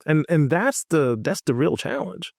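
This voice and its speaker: A Haitian doctor serving as a panelist speaks at a roundtable in a slightly high, gravelly, sing-song voice, going a little slowly. He is emphatic and restates his points for emphasis, and the recording is dry and of studio quality.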